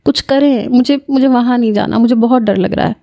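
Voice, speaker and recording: A woman's voice: no echo, muffled recording, lightly acted. A woman voicing a frightened, tearful young female student who pleads in a raised voice. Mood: tearful pleading. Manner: pleading, breathless, higher voice.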